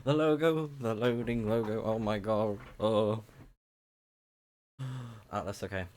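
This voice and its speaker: Speaking at a measured pace, a young man with a lowish, darkish, slightly scratchy voice keeps a steady tone while streaming a video game. His live commentary is casual and enthusiastic, full of thinking aloud, with game music behind him.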